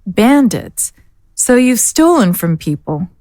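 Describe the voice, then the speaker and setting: A woman voices a stern, righteous swordswoman of a warrior order in a fantasy audio drama, sounding accusing and indignant. Her mid-range voice is sing-song, slow and dark in tone, recorded dry.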